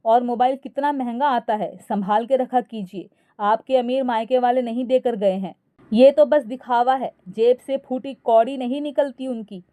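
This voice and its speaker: Lady doing a sassy young daughter-in-law, blunt mocking comebacks, highish soft tone. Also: moderate pace, no room sound, close to an everyday voice.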